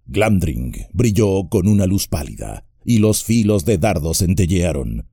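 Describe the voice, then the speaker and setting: A man narrating an audiobook with an expressive, dramatic reading style. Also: sits low, unhurried, slightly rough, dry recording, studio quality. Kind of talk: scripted narration.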